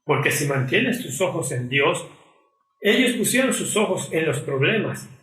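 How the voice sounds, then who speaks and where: A man's voice: fairly high pitch, very animated, unhurried, sharp tone. A man preaching a sermon in an earnest tone, acting out quoted prayers and complaints. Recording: echoey hall, mic at a distance.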